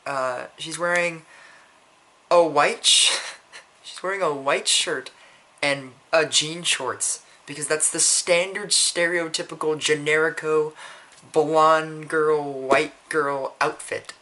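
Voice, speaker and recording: A man's voice: on the high side, steady tone, takes it slowly, sharp tone. A man telling a personal story in casual vlog style, rambling with frequent restarts and blunt, profane asides. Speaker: vlogger.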